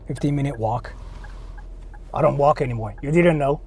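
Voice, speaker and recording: Outdoor street noise surrounds a Japanese man hosting a livestream on his channel. His mid-range voice has a darkish tone at a normal speed, and he chats casually in blunt, repetitive slang, swearing now and then.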